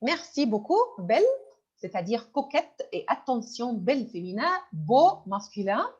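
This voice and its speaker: A woman's voice: a little high, sing-song, unhurried, darkish tone, slightly rough. A woman teaching a French class, patient and repetitive, explaining words and often switching into English. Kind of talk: online class lesson. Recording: dull lo-fi sound.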